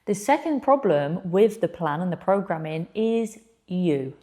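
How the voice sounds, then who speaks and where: A woman with a slightly low voice speaks straight to the listener like a coach. She is blunt and emphatic, putting pointed rhetorical questions as she instructs. The room around her is echoey. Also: sing-song, measured pace, mellow. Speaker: physiotherapist and clinical mentor presenting. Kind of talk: direct-to-camera instructional talk. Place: echoey indoor space.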